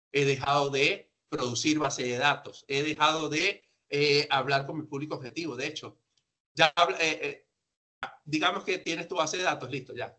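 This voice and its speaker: A sales trainer with a sharp-toned, mid-range voice presents informally and instructively, emphatic yet conversational, often posing questions and answering them himself. He grew up outside Peru and now lives there.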